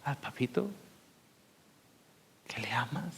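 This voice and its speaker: A male preacher delivers a seminar sermon in an animated, medium-pitched voice that's gravelly with a breathy edge. He speaks with emotion, asks listeners direct questions, and drops into slow, hushed whispers for emphasis.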